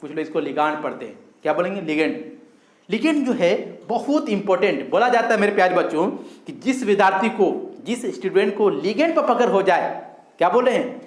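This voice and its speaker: High-voiced man teaching in an echoey room. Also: big pitch swings. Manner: repeats key terms as call-and-response questions; addresses students fondly, drawn-out emphasis. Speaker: chemistry teacher. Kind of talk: recorded classroom lecture.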